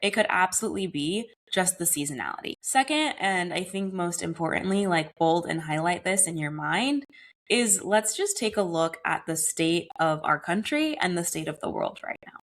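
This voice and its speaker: A young American podcast host speaks on her own about wellness, animated and at a normal speed, her fairly low, slightly bright voice a little raspy from a recent cold. Earnest and conversational, she slips in casual "y'all" and "like."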